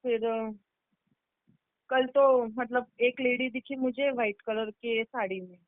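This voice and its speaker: A woman's voice: on the high side, steady tone, slow, dry recording. A woman on a phone call to her spiritual teacher, recounting a meditation vision in a rambling way, with many fillers and restarts. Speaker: caller seeking spiritual guidance. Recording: tinny, dry phone line.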